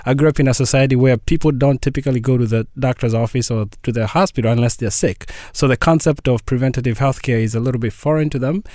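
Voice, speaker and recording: A man speaks as a radio guest in a close, dry studio sound. His voice sits at a middle pitch, and he explains things in an earnest, patient way. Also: quick pace, few pauses, mellow, no room sound. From Kenya. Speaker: guest, family nurse practitioner. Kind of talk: radio interview.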